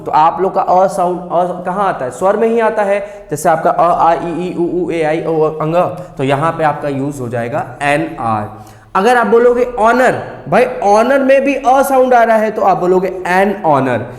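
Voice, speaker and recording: A man's voice: high-pitched, expressive, measured pace. A man teaching an English grammar lesson, explaining step by step, repeating key words and asking and answering his own questions. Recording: echoey room with long reverb.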